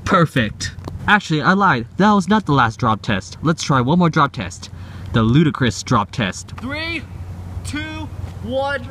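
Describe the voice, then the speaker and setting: Out in a dirt yard, a young YouTube host jokes his way through a product-testing vlog, counting down each drop test in a playful mood. His slightly high voice swings widely in pitch, unhurried and fairly bright. The camera mic picks up a little hiss or hum.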